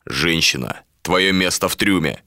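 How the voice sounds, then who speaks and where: A curt, commanding warrior captain speaks in a lowered, heavy voice, as a male narrator puts him on. Each line is short and final, as if nothing is up for debate. The recording is close and dry. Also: unhurried, sharp tone, dry recording, full character voice. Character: stern harsh male sea captain and warrior.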